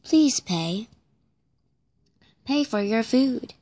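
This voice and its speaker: A stubborn cashier repeats her demand in a flat, quiet monotone, as a woman puts on the voice. She sounds low and mechanical, like a machine. She never budges and stays calm and level. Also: extremely slow, exaggerated voice. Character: stubborn, robotic female cashier. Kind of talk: playful make-believe skit.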